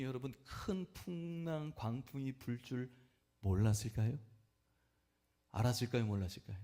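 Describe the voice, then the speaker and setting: A male pastor preaching a sermon to his church, often asking the congregation questions and answering them himself, and rising to loud, high-pitched exhortation. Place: church sanctuary.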